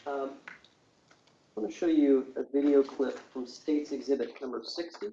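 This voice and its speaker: A man's voice: medium pitch, normal speed, dark tone, a little hiss or hum. Man questioning in an echoey courtroom. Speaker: attorney questioning a witness. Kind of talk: courtroom examination. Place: indoor courtroom. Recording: echoey, muffled courtroom audio.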